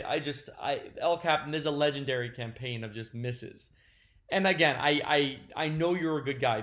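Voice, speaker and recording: A man's voice: on the high side, a bit bright. A man giving a casual, mock-serious rant as a league commentator, sarcastic and swearing, with sudden exasperated outbursts. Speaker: fantasy football league commentator.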